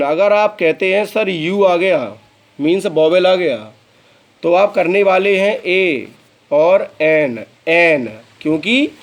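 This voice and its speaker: A man teaching English grammar, who spells words out letter by letter and calls his students "beta". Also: high-pitched. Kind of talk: classroom lesson.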